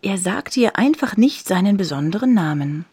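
A woman narrating a children's story in an expressive, soft storytelling manner. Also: medium pitch, moderate pace, slightly rough, no echo.

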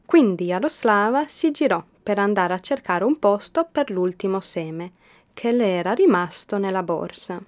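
A woman narrating a children's story in a slow, expressive reading. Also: mid-range voice.

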